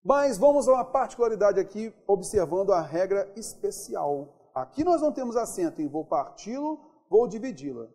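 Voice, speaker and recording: Man, Brazilian accent, grammar teacher, mellow tone, very animated pitch, draws out examples. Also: slightly rough. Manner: stretches out example words slowly, checks in with listeners often. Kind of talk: classroom lesson on accent rules.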